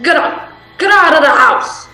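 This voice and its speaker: A woman's voice: sits high, lively intonation, unhurried, heavily acted. Woman playing a frantic panto heckler calling out warnings. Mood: exasperated. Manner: panto-style call-outs, pleading and shouting warnings to the characters. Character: frantic, exasperated horror-movie-style audience member yelling warnings at the story. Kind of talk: comic stage theatre acting. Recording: roomy stage sound, faint music.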